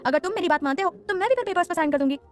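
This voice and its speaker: A woman's voice: high-pitched, animated, very fast, pitched above the performer's own voice. A woman voicing a bold young bride who talks in a stern, commanding way in an audio story. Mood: defiant. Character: fierce bold young bride, defiant and sharp.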